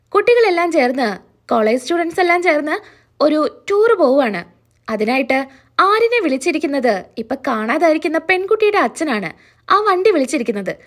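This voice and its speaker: A woman with a high voice recaps a TV serial in a casual spoken way. She walks through each scene and reads all of the characters' dialogue herself.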